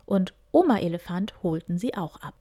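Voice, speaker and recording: A woman softly whispering a children's story, reading one tale after another. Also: lowish voice, lively intonation, normal speed, breathy edge. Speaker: reader.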